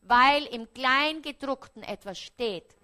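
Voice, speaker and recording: A woman with an Austrian accent, preaching a parable on stage before an audience, often dropping to a hushed, quiet voice. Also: sits high, takes it slowly. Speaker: stage speaker.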